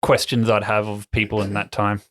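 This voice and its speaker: A man's voice: fairly low pitch, little pitch movement, moderate pace, fairly bright tone. A man co-hosting a podcast in casual group chat, skeptical and questioning. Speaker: podcast co-host.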